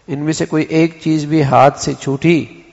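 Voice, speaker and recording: A preacher giving an Islamic sermon makes his point by acting out one sentence in different tones. His voice is a little high and a little mellow, with fairly even intonation, and the recording is dull, captured in a hall with long reverb.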